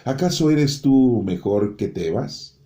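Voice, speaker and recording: A man reading a prophetic book of scripture aloud, rising and dropping his voice dramatically and slowing down on key phrases. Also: mid-range voice, expressive, warm tone, dull audio. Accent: Spanish-speaking.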